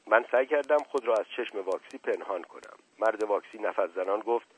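A man narrating a novel in a calm, measured storytelling way. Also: lowish voice, slightly rough, no echo. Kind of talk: dramatized novel reading. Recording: tinny phone-like radio sound, dry.

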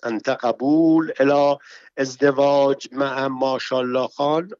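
A man plays a ceremonious cleric whose voice lifts higher and louder as he asks slow, formal questions. The recording is dry and close, with a muffled, narrow sound. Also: steady tone, no echo, natural voice. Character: old-fashioned cleric officiating a wedding. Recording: dull, muffled audio.

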